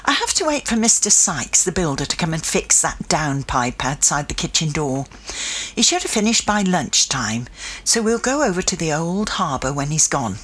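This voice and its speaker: Brisk cheerful grandma in her later years, breathy and lively, read by a woman. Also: low-pitched, exaggerated voice. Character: cheerful older grandmother, fond of old sayings.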